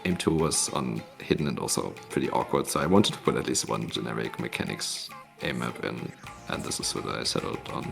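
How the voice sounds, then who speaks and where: A man with a very deep, gravelly voice talks through a showcase stream from an empty meeting room at work. His voice bounces around with a cave-like echo. He rambles in a laid-back, joking way, swinging his pitch up and down a lot, with music playing behind him. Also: a bit bright. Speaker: mappool showcase host. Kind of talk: casual stream commentary.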